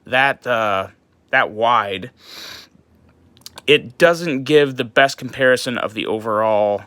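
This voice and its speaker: A man with a bright, forward voice talks through a knife review in a casual, eager way. He rambles, restarts and stumbles over words in his early-morning voice. The sound is close and dry. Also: medium pitch, slow, no room sound. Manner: enthusiastic, rambling with restarts and fillers.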